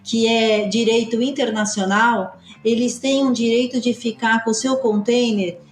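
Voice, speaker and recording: A woman, a partner at a customs consultancy, explaining points quickly and emphatically on a podcast. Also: on the high side, fairly even intonation, reverberant, a little hiss or hum. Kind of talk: podcast discussion.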